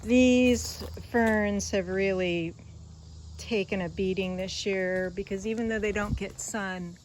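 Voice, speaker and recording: A woman's voice: mid-range voice, steady tone, slow pace. A woman chatting casually and unscripted as she walks around a garden, musing and trailing off as she shows what is there. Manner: musing, rambling, trailing off mid-thought. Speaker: gardening vlogger giving a garden tour. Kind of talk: casual chat, unscripted garden walk-through. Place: outdoors in a garden, walking about. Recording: outdoor ambience with insect noise. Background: faint crickets and insects.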